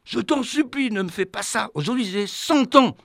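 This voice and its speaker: A man's voice: high voice, expressive, moderate pace, creaky, fairly bright tone, no echo, clean studio sound, full character voice. A man playing a whiny, pleading hundred-year-old man in a comic sketch. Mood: begging. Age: older.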